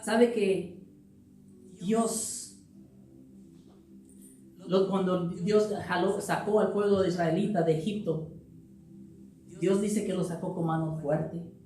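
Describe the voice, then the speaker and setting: A woman's voice: steady tone, slow pace, long pauses, a little hiss or hum. A woman pastor preaching a sermon to her congregation in an impassioned way, with many rhetorical questions. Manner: impassioned preaching that climbs higher and louder, with repeated rhetorical questions. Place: church sanctuary. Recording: very echoey church hall, voice from far off.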